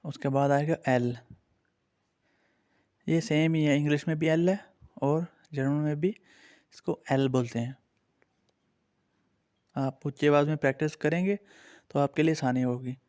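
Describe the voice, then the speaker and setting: A man's voice: a little high, steady tone, a little slow, long pauses, a little mellow, clean tone. A man with an Urdu-influenced accent teaching a beginners' language lesson, patiently naming and repeating each letter for his learners.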